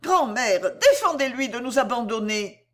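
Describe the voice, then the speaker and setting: A woman reading aloud and voicing a naive, playful young woman with a high, eager delivery. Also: animated, measured pace. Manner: bright, eager and pleading.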